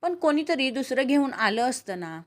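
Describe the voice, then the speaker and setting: A woman's voice: sits high, big pitch swings, moderate pace, voice pushed up. Woman voicing a reserved young man. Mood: curious.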